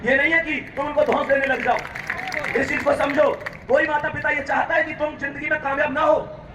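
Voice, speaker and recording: A man's voice: very high-pitched, level tone, brisk, background noise. A male teacher with a Rajasthani accent giving an impassioned motivational speech to students, reciting verse and calling out to the crowd. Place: large hall at a meetup. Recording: echoey hall, voice from a distance.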